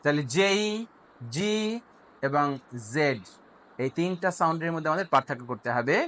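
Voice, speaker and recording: A man teaching English pronunciation, slowly drilling each letter sound several times over. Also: on the high side, animated, fairly bright tone, rough recording. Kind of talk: instructional lesson, drilling sounds.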